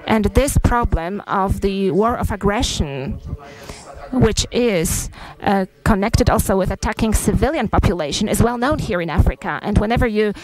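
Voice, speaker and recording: Woman, interpreter, live press statement, halting, frequent fillers, mid-pitched. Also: lively intonation, a little mellow, low-quality recording.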